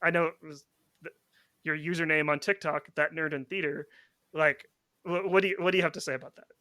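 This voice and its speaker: A man's voice: a little high, fairly even intonation, fairly quick, sharp tone, dry recording, clean studio sound. A man hosting a film podcast, talking casually with frequent restarts and "like" fillers. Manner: rambling, many restarts and "like" fillers. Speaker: podcast host.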